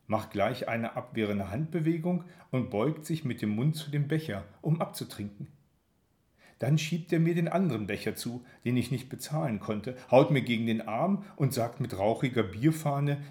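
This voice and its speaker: A man narrating a first-person story in a measured, expressive reading. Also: mid-range voice. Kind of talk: audiobook narration.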